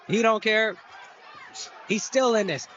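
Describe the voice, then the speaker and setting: A man doing casual live boxing commentary, excitable and streetwise, repeating phrases and tossing in coaching tips. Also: high-pitched, slow. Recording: muffled mic amid noisy fight crowd. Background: fight crowd.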